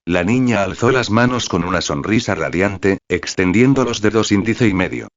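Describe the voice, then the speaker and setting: Deep-voiced male narrator, dry and muffled. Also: moderate pace, dry recording. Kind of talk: scripted story narration.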